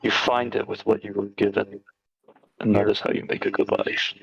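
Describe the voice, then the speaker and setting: Man playing a gravelly, husky, calm moralist. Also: on the low side, normal speed, no echo, highs cut off. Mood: calm admonishing. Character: wise, calm moralist teaching about happiness. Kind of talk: tabletop role-play.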